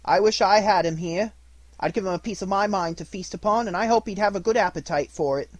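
A man voicing an indignant, sharp-tongued poor mother in a raised, husky voice. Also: sits high, fairly quick, dry recording, pitched above the performer's own voice. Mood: scornful. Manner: bitter, scornful.

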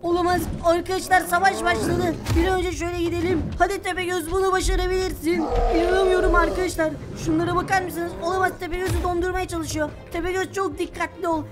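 A very high, squeaky young cartoon hero, always panicking and yelling to his viewers. He talks in frantic bursts. Music plays loudly under the voice. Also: flat delivery, fast talker, hardly any pauses. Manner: frantic exclamations, addresses viewers. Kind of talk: animated cartoon voice acting.

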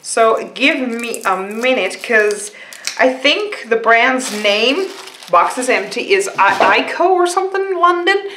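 A woman's voice: on the high side, animated, unhurried, sharp tone, echoey room, slight background noise. A woman beauty vlogger chatting casually and rambling through a box unboxing, with frequent fillers.

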